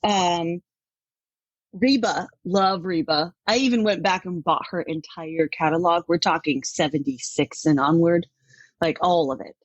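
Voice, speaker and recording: A woman's voice: fairly low pitch, measured pace, no echo, lo-fi sound. A middle-aged woman from Denmark, a country music artist, chatting animatedly in an interview and laughing often. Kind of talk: casual interview talk.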